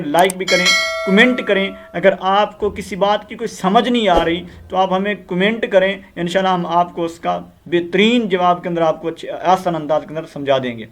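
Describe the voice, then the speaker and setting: A man with a Pakistani Urdu accent teaches Quran recitation in an earnest, repetitive way, often pausing on fillers. His voice sits fairly high for a man. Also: steady tone. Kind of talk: spoken Quran lesson with channel appeals.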